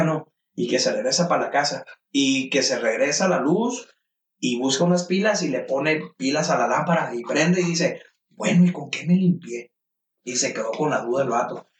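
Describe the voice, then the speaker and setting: A man with a Mexican Spanish accent, co-hosting a casual podcast and telling crude, slangy jokes among friends. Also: medium pitch. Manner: crude slangy storytelling, laughs often. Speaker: podcast co-host. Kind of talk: casual joking chat with friends. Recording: echoey room, distant mic, faint noise.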